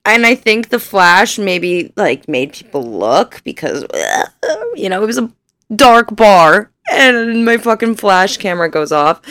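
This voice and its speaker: A woman's voice: mid-range voice, animated, a little slow, a bit bright, no room sound. A young woman in her twenties telling a rambling, self-deprecating story in casual chat, laughing often and swearing freely.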